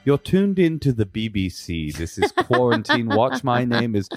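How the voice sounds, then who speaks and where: A man's voice: medium pitch, very animated, normal speed, over music, close to an everyday voice. A man voicing a pompous BBC-style radio announcer in an attempted British Received Pronunciation accent, with an amateurish, mannered delivery. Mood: mock formal.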